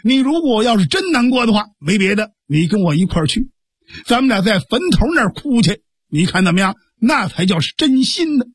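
A man voicing a blunt, hot-tempered middle-aged swordsman in traditional storytelling, gruff and needling. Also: high-pitched, big pitch swings, a little fast, dry recording, studio quality, exaggerated voice. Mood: challenging.

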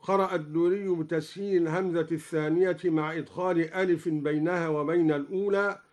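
A man presenting on religious radio, giving a slow, formal scholarly explanation of recitation variants. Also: fairly high pitch, steady tone, darkish tone. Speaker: radio presenter of Quran readings.

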